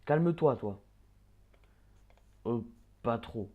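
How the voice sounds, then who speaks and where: A let's play gamer with a lowish voice gives casual commentary on his gameplay, chatting, swearing and muttering quick orders at the on-screen characters. The sound is phone quality.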